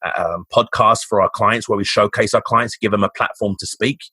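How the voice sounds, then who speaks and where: A Cockney man with a fairly low voice talks about his coaching work in a casual, motivational way. He restarts his sentences often. The sound is dry and close, with no room echo. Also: fairly even intonation, a little fast, pushed and bright, breathy edge. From East End of London, England. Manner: upbeat, motivational, frequent restarts. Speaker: fitness coach, podcast guest. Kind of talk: casual interview talk.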